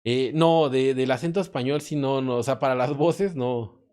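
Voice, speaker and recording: A man's voice: medium pitch, normal speed, a little mellow. Hesitant Mexican man reflecting aloud. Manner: reflective, hesitant, restarts often. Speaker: podcast guest, math and physics professor. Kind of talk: casual podcast conversation.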